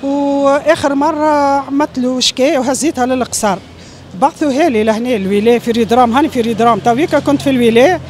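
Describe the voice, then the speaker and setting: High-pitched, agitated Tunisian woman pleading. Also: fast talker, darkish tone, a little hiss or hum. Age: middle-aged. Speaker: interviewee airing a grievance. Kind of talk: street interview, impassioned complaint. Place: outdoors on a busy city street. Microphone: handheld reporter microphone.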